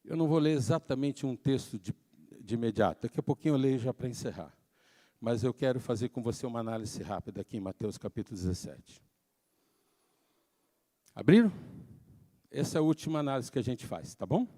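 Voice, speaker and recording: A man preaching a sermon as pastor, telling a story in an animated way that swings from soft to shouting. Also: mid-range voice, brisk, pauses often. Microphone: handheld microphone.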